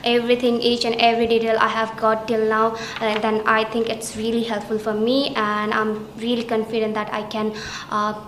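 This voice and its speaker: A woman's voice: a little high, normal speed, slight background noise. A young woman from Nepal, an international student, answering interview questions with many hesitations and fillers. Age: young adult. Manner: hesitant, many fillers, flat steady delivery. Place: small indoor study room. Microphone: camera at chest framing. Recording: roomy indoor echo, faint ambience.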